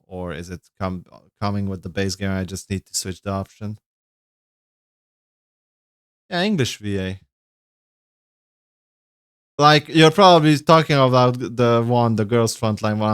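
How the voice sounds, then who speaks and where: A man's voice: on the low side, smooth, no room sound, studio quality. A man chatting casually on a livestream, reacting to game lore, rambling and correcting himself, and swearing now and then.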